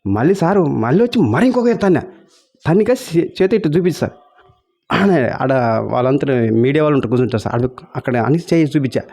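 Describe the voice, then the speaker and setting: A man's voice: on the high side, expressive, quick pace, dark tone. A man from Kurnool, telling his own meditation experience as a testimony. He keeps calling the listener "sir" and acts out the dialogue he quotes. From Kurnool, India. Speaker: meditation practitioner sharing experience. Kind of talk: personal testimony.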